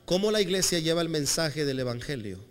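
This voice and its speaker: A male pastor preaching a lively, conversational sermon, acting out quotes as he tells stories. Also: on the high side, fairly quick, clean tone, long reverb tail. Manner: animated storytelling, acting out quotes.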